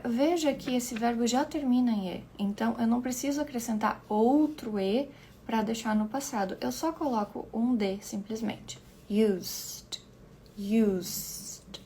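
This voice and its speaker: Woman teacher, patient online lesson delivery, unhurried and a bit high-pitched, drills pronunciation by repeating. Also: warm tone, a little hiss or hum. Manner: patient explaining, repeats words slowly for pronunciation; checks in with listeners often. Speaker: English teacher.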